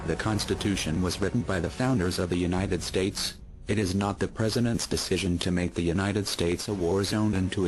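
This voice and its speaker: A man speaking through a disguised deep voice effect, reading a formal scripted statement in a steady, solemn way. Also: low-quality recording. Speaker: anonymous activist messenger. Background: music.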